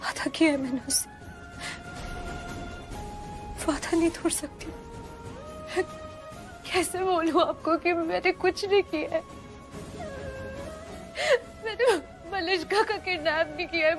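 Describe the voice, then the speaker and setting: An Indian actress playing an anxious, earnest young woman in a TV soap, halting and repeating her words, with dramatic music behind. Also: high voice, close to an everyday voice. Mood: tearful anguish. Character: anxious, loyal young woman burdened by a secret. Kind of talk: melodramatic TV soap acting.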